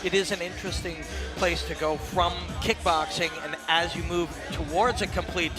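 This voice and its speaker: A man with a slightly high voice offers analytical colour commentary on live fights. Music plays clearly behind his voice. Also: steady tone, normal speed.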